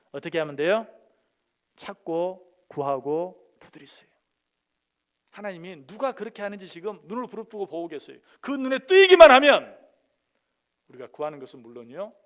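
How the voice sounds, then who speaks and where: A middle-aged male pastor preaching a sermon, with dramatic rises into loud cries as he acts out the scripture. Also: a little high.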